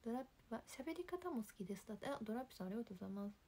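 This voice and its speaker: A young woman with a Kansai accent, chatting casually on a livestream and reading viewer comments in a soft, calm voice that often drops near a whisper. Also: a little high, racing, a little hiss or hum. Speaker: livestream host. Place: home.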